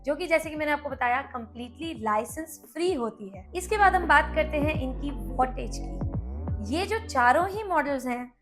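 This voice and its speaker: This product review host has a high, fairly bright voice and an Indian accent. She explains things casually while comparing products, slipping English words into what she says.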